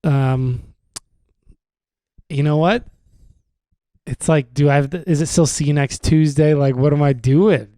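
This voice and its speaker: Twenties guy hosting a podcast, rambly and jokey, slightly high voice, dry sound. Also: steady tone, measured pace, long pauses, dark tone, no room sound. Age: 20s. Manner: rambling and joking, full of fillers. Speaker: podcast host. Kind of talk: casual chat. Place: room at home.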